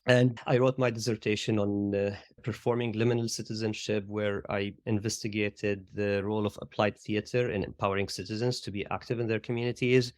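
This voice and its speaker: Low-voiced Syrian man, reflective. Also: level tone, fairly quick, few pauses, no echo, studio quality. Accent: Syrian Arabic. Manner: reflective, uses "like" and "right?" often. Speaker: guest, theater educator. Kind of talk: conversational interview.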